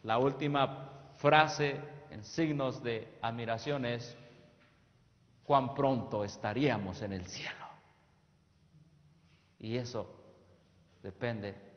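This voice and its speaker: A man giving a sermon-style presentation on youth ministry, emphatic and asking the audience questions that they answer. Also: mid-range voice. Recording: reverberant hall, dull lo-fi sound.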